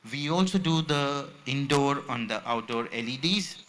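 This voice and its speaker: Bright-voiced man giving a podium speech. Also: medium pitch, expressive, moderate pace. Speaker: company representative presenting products. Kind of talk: podium speech, slide presentation. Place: symposium venue, speaking at a podium. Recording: background noise from a live event room.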